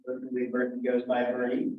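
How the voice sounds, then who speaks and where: Fire chief in an echoey meeting room. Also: male voice, mid-range voice, completely flat delivery, far from the mic. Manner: casual, halting with fillers. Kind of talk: public meeting report. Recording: echoey dull meeting room audio, faint hiss.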